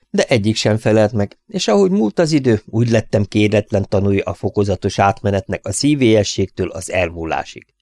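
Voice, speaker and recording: Low gravelly male audiobook narrator. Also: a little mellow, no room sound. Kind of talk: first-person audiobook narration.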